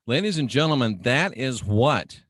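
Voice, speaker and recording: Speaking deliberately and with emphasis, a man hosts a sermon-style radio monologue, repeating himself and asking listeners theatrical rhetorical questions. The medium-pitched voice has a sing-song, slightly bright quality, captured in clean studio sound without room noise.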